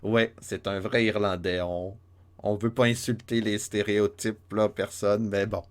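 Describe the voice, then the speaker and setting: A man's voice: on the low side, little pitch movement, a little slow, clean tone. Fields: Sex: male. Style: joking game commentary. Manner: playful, joking, many fillers and restarts. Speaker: let's play host.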